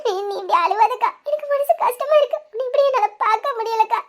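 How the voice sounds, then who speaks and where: In a dramatized audio story, a woman with a very high voice talks fast against a noisy background. She plays a caring younger sister, soothing and coaxing her older sibling in a comforting mood.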